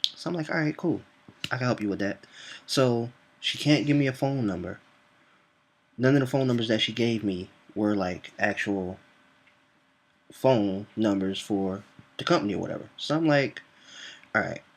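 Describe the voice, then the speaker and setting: Profane, animated young man telling a story. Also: lowish voice, moderate pace. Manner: animated, profane, acts out dialogue in voices. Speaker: vlogger telling a work story. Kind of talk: casual storytelling rant.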